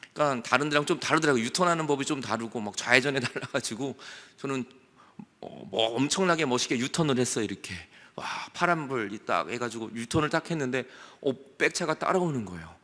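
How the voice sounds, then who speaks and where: A male pastor preaching a year-end sermon, telling anecdotes in an animated, conversational way. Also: mid-range voice, fast. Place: church sanctuary. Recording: long hall reverb.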